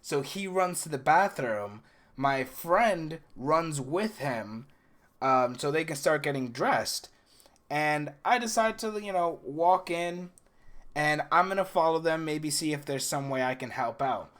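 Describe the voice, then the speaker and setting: Young guy, kinda higher voice, casual storytime for a video, animated n acts out the dialogue. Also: measured pace. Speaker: video creator recounting dreams. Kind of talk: casual first-person storytelling.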